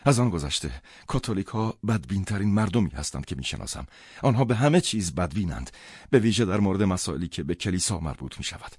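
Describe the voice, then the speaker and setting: A man reading a novel aloud as an audiobook narrator, in measured first-person storytelling. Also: sits low, sing-song, a little mellow, husky, dry recording, clean studio sound.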